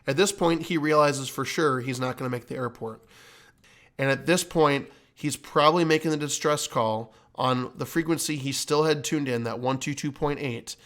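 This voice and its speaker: Speaking at a normal speed with a medium-pitched, fairly bright voice, a man who works as a flight instructor and host explains things like a teacher. He is emphatic and goes over the key points more than once.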